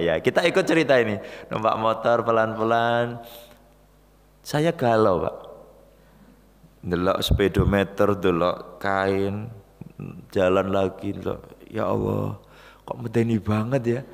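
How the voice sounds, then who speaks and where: A man with a Javanese accent telling a lively story in a sermon, acting out the voices of the people in it, recorded in a mosque. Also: mid-range voice, creaky. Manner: lively storyteller who acts out voices, mixes in Javanese phrases. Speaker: preacher. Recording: echoey mosque hall.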